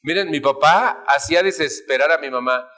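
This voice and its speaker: A man's voice: fairly high pitch, normal speed, bright, forceful tone. Mexican man, playful, acting out scenes. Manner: playful, acts out family arguments with shifting voices. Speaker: speaker at a family recovery talk. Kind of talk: humorous talk to a live audience.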